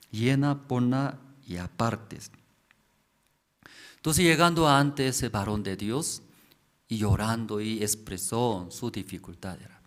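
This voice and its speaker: Male pastor, unhurried sermon delivery, keeps asking the congregation questions and repeating words for emphasis. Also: medium pitch. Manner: repetitive, asks the congregation questions. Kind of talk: slow sermon explaining scripture.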